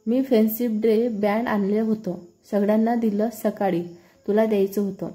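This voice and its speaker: A woman's voice: mid-range voice, fairly even intonation, moderate pace, mellow, faint music behind, close to an everyday voice. A woman voicing a playful young man who teases his friends and turns a bit nervous, in a read-aloud storybook. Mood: friendly.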